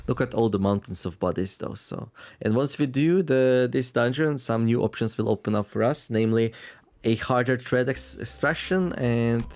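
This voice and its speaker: This gameplay commentator plays through a tactics game and reads its story text out loud, rambling, frequently correcting himself and adding dry remarks. He talks at normal speed in a medium, slightly mellow voice that has roughened a little after a long recording day.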